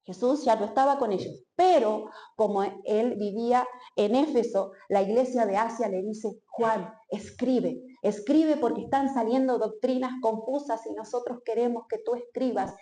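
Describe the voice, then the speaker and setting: Woman preacher, expressive, repeats for emphasis; echoey church hall. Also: a little high, measured pace, few pauses. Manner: expressive, acts out quotes, repeats phrases for emphasis. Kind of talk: sermon.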